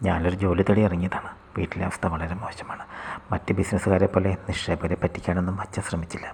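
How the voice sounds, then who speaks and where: A man reading the lines of a quiet young woman from a ruined family in a subdued way. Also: sits low, level tone, fast talker, slightly rough, heavily acted. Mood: earnest.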